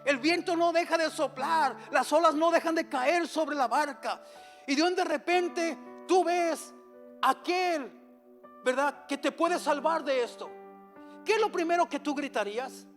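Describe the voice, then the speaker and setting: A man with a very high voice delivers a fervent church sermon as pastor, and his voice rises and pushes when he acts out prayers. Soft music plays faintly underneath. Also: measured pace. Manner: impassioned preaching, acting out prayers aloud.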